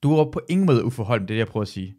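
A man hosting a podcast in casual chat, animated and ranting, swearing freely. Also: medium pitch. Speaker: podcast host.

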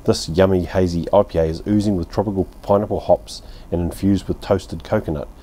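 Low and mellow with a steady tone, this fifties-aged New Zealander talks fairly quickly as he casually reviews a beer at his outdoor home bar. He's relaxed and blunt, wandering off with filler words and mild cursing.

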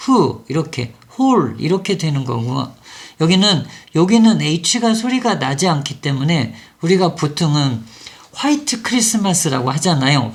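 Patient phonics teacher with a lively pitch. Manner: patient, explains step by step with fillers. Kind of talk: explaining a lesson.

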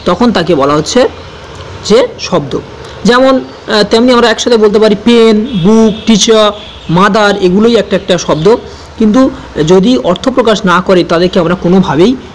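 A man, teaching an English grammar lesson, speaking slowly and patiently, repeating each definition and spelling words out letter by letter. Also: high voice, darkish tone, a little hiss or hum, rough recording.

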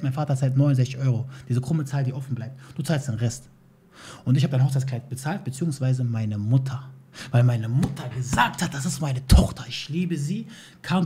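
Fast-talking husky man ranting. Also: on the high side. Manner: agitated, swears oaths, mixes in Turkish phrases. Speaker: YouTuber responding to a video. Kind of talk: heated personal vlog rant.

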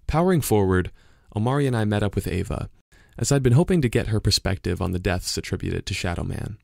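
An actor playing a curious young podcaster-investigator who narrates and questions in a measured way in an audio drama. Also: male voice, lowish voice, animated, vocal fry, darkish tone, no echo, studio quality. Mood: narrating.

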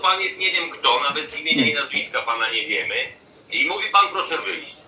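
A man's voice: fairly high pitch, expressive, a little fast, sharp tone. A man talking on speakerphone, pressing with insistent questions in a phone argument. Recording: distant roomy phone speaker, faint noise.

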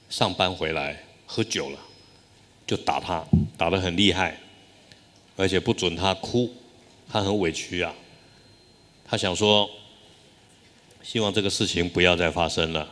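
A man's voice: deep voice, bright, forceful tone. A man, a Buddhist dharma master, telling a moral story in a sermon, often drawing out his sentence endings. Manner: drawn-out, sighing sentence endings. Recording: long hall reverb.

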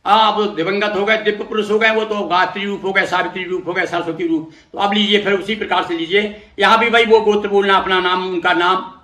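A man guiding listeners step by step through a ritual. He explains patiently and recites mantras slowly, letting each one fall low and soft at the end. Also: steady tone, roomy sound. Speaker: religious teacher.

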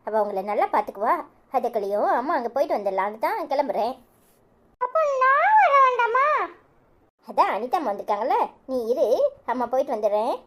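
A woman with a Kanyakumari Tamil accent voicing a gentle, soft-spoken young woman in a cartoon. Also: high voice. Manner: soft, quiet, apologetic. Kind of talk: cartoon voice acting.

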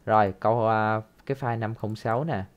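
A man teaching an English listening lesson, patiently repeating phrases and adding soft tag words. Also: fairly low pitch, fairly even intonation, brisk, highs cut off, very noisy.

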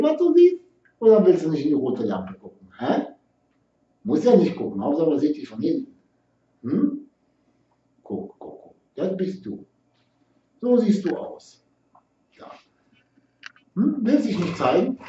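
A man coaxes and teases his pet bird in a lively, sing-song voice that swoops up and down, dropping "hä?" and "ne?" after nearly every question. His tone is mellow and on the high side for a man. He sits well back from the microphone in a roomy home space, and the recording sounds dull and faint. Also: recorded from a distance, slight background noise. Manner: teasing, sing-song coaxing with frequent "hä?" and "ne?". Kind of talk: coaxing talk to pet birds.

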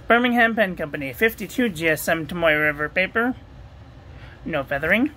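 Woman, ink reviewer, bright tense tone, repetitive checklist delivery, faint background noise. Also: on the low side, lively intonation, brisk, rough recording. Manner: enthusiastic over ink colors. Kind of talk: casual product review voice-over.

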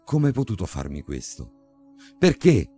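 A man playing a terrified, desperate man trapped underground, shouting and begging in a horror story. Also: low voice, big pitch swings, a little slow, slightly rough, soft background music, full character voice. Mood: furious. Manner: shouting, pleading.

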